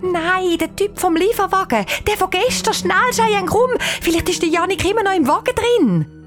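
A timid, jumpy young girl, as a woman reads her in a storybook. The voice is pitched very high and moves about a lot, shaky and urgent, with a Swiss German accent. Faint music sits behind her. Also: very animated, takes it slowly, full character voice. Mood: alarmed.

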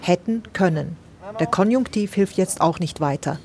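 A woman with a lowish voice narrates a scripted radio report. Her delivery is measured and sober, with a quiet dry edge to her commentary. She sounds like a seasoned broadcast reporter.

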